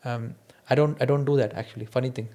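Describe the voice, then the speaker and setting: This man talks fast, with a warm, steady, mid-range voice, as he hosts a podcast and opens up reflectively about his life through personal stories. A non-native English speaker, his mother tongue is Indian, and he has an Indian accent.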